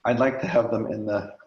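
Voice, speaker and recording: With a noisy background behind him, a man with a mid-range voice hosts an online meeting over an echoey, lo-fi video call. He chats casually with many fillers while sharing his screen, clearing his throat as he loses his voice.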